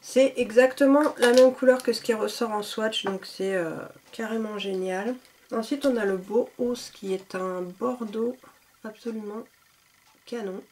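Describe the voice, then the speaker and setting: Beauty vlogger, woman, casual and enthusiastic, voice sits a bit high. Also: steady tone, measured pace, darkish tone, slight background noise. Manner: chatty, enthusiastic, many fillers. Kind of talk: casual product showcase.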